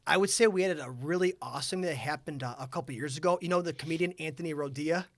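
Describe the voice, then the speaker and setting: A man, a chiropractor, talking as a guest in a casual podcast chat, energetic and full of stories. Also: a little high, fast talker, no room sound. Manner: energetic storyteller.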